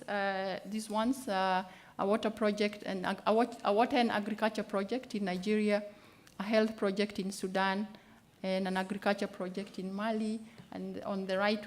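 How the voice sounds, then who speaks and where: A woman presenting a keynote at a conference, speaking with many "uh" fillers and some hurry. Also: medium pitch. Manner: hesitant, many "uh" fillers, rushed. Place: conference hall.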